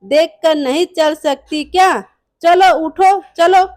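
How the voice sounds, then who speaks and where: Woman reading as a bossy mother-in-law, high voice, slow scolding, dry close sound, storybook. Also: a little mellow, no room sound. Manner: scolding, impatient.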